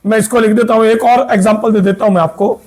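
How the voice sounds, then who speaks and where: A man's voice: sits high, fairly even intonation, fast talker, darkish tone. A man teaching English grammar to school students, explaining patiently, repeating points and often checking that they follow. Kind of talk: classroom grammar lesson.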